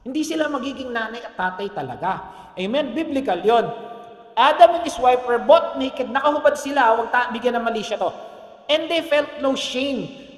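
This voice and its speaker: A middle-aged Filipino man preaching a sermon in a joking, animated way, with asides to the congregation. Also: extremely high pitch, normal speed. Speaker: pastor. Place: church hall. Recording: echoey hall with long reverb.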